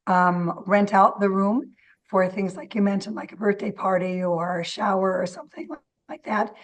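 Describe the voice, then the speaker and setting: A woman with a squeaky, thin reedy voice, talking informally and haltingly as a guest explaining local services in an interview. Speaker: interview guest, city library director.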